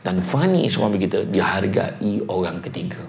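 A middle-aged man with a Malaysian Malay accent giving a humorous motivational lecture in a library hall, animated and joking. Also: moderate pace, creaky. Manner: animated and joking, acts out quotes in high voices. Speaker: motivational preacher. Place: event hall at a public library. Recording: dull lo-fi live recording with background noise.

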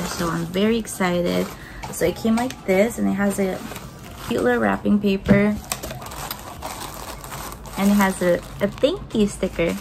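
A young plant vlogger from the Philippines chats cheerfully to a tabletop camera while unboxing and handling plants in her home kitchen, gushing all the while. Her voice is medium pitched, and background noise can be heard.

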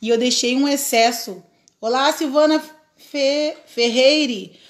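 A woman's voice: high voice, slow pace. A Brazilian woman hosting a casual live craft tutorial from home, chatty, laughing often and greeting viewers by name. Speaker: craft live-stream host.

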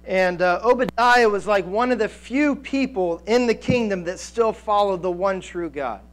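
A man in his thirties preaching a sermon on a church stage through a headset mic, animated, with frequent restarts and fillers. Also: sits high, normal speed. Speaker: pastor. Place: church stage with band gear, indoors.

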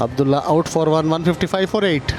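A man's voice: on the high side, fast, over loud music. An Indian man giving live cricket commentary and score updates. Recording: very noisy outdoor broadcast ambience.

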